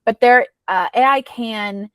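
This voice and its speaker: A woman's voice: fairly high pitch, unhurried, fairly bright tone, clean tone, dry recording. Chatty woman coach, dry close sound. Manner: chatty, advising, many fillers. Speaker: business coach. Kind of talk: casual advice.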